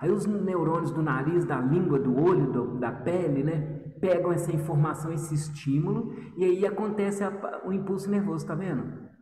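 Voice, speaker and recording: A man's voice: a little high, moderate pace, dark tone, distant mic. A man teaching histology in a chatty, teasing way, talking straight to his students. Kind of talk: lively video lesson. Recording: echoey room, voice from off the mic.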